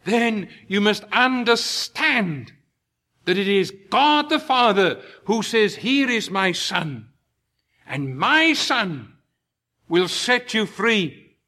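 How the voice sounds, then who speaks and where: Male preacher, very high bright voice, deliberate unhurried sermon delivery with impassioned climbs. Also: expressive. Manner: slow, emphatic preaching with rising impassioned peaks.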